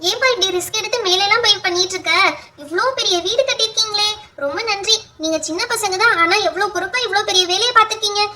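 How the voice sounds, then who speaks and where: A kind middle-aged aunt doll, voiced by a performer, fussing and thankful toward the children. Her voice is very high, quick and bright. This is doll pretend-play acting. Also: exaggerated voice. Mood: grateful.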